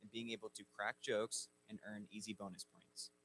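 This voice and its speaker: A man reads out names and bios at a ceremony lectern microphone, brisk and formal. His voice is low, bright and forceful, with a faint hum behind him. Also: rough recording. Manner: formal, steady reading. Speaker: ceremony announcer. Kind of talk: reading inductee bios aloud. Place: school ceremony hall. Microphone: speaking at a lectern microphone.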